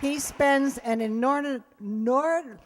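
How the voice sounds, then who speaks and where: At a live show in a hall, the American woman who leads a theater group thanks her audience and cast in a chatty, direct speech. She talks slowly in a voice that sits high. The echoey recording carries audience sounds, some chatter behind her, and a little hiss or hum.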